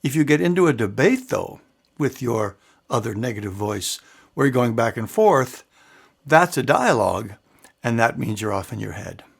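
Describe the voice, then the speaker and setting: A man with a gravelly, slightly rough-edged voice talks alone to his listeners. He explains in a calm, measured way, now and then checking in with a quick aside. It sounds like a coach running his own show. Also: mid-range voice. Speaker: mental game coach and show host. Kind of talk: solo talk to camera or mic, explaining.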